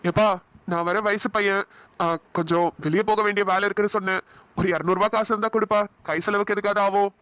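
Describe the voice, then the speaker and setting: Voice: medium pitch, steady tone, quick pace, a bit bright, smooth, no echo, natural voice. A performer voicing a broke, scheming young man in a cartoon, stammering and evasive. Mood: pleading. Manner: hesitant, stammering fillers. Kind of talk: Tamil cartoon dubbing.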